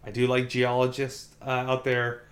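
Man, podcast co-host, animated, casual film review chat. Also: mid-range voice, normal speed. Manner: animated, swears, acts out quotes.

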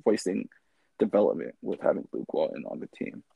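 A man's voice: low voice, lively intonation, brisk, creaky, breathy edge, dry recording, narrow, tinny audio. A man co-hosting a casual sports podcast, talking in a loose, rambling way. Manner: loose and rambling, frequent restarts. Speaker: podcast co-host.

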